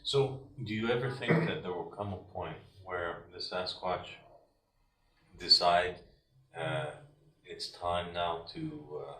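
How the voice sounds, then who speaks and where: A man asking questions in an interview, pausing with hesitant fillers. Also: sits low, steady tone, pushed and bright. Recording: roomy and distant from the mic.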